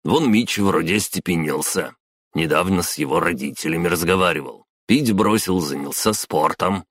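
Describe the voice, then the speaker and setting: A man reading a story, voicing a gentle, persuasive middle-aged father. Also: deep voice, moderate pace, breathy edge, no echo, clean studio sound, heavily acted. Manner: soft, calm, coaxing.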